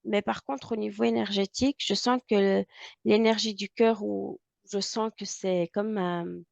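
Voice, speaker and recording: A woman's voice: medium pitch, steady tone, creaky, darkish tone, no room sound. Hesitant french woman searching for words. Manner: halting, searching for words, many fillers. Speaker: intuitive medium. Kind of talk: hesitant channeled description.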